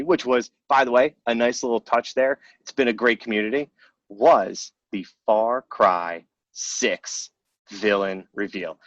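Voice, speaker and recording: A man's voice: mid-range voice, fairly bright tone, no room sound. Casual, blunt male host, slightly dull sound. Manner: blunt, informal. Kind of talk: casual gaming debrief, chatty with swearing.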